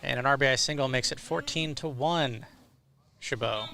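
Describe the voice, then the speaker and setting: A man's voice: medium pitch, normal speed, creaky, a crowd in the background. A man giving live play-by-play commentary as a baseball announcer.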